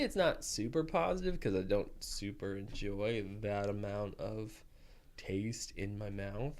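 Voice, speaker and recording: A man talks on a casual beer-tasting podcast, pausing often and hedging with fillers. His voice sits low and deep. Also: a little mellow. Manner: hesitant, many fillers. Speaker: podcast co-host.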